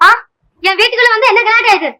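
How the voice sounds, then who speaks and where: A very high, quick, indignant young wife. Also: female voice, pushed and bright. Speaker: film actress. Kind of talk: 1960s film comedy acting.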